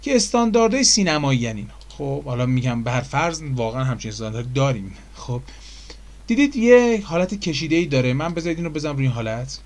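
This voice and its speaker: A man casually explaining software menus in a screen-recorded tutorial, chatty and full of fillers. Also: mid-range voice, sing-song. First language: Persian.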